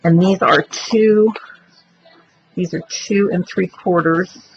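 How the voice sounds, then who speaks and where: Slow and steady in tone, a woman with a lowish voice gives a step-by-step craft demonstration. She narrates each move chattily and thinks aloud, captured in a dull lo-fi recording with faint noise.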